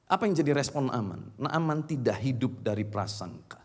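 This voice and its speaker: A man's voice: medium pitch, expressive, normal speed, darkish tone. A male pastor preaching an emphatic sermon into a stage microphone in a church hall. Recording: long church-hall reverb.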